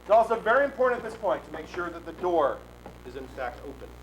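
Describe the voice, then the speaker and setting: A man playing a grandiose flea circus showman, delivering theatrical, mock-solemn carnival patter with dramatic pauses. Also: on the high side, big pitch swings, slight background noise, voice pushed up, rough recording. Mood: grandly mock-solemn. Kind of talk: live comic circus showman performance.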